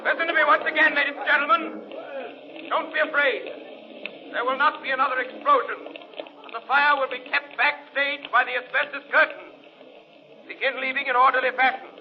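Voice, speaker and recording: A shadowy avenger of 1930s radio drama, solemn and commanding. The voice sits high for a man and is theatrical in delivery. The old recording is dull and narrow. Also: fairly even intonation, normal speed. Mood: urgent, commanding. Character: mysterious invisible male avenger, commanding and ominous.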